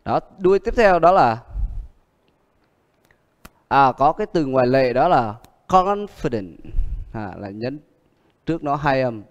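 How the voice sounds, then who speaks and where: Man, English teacher, slow pace, exam prep lesson, repeats each word, echoing hall. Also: mid-range voice, animated, highs cut off.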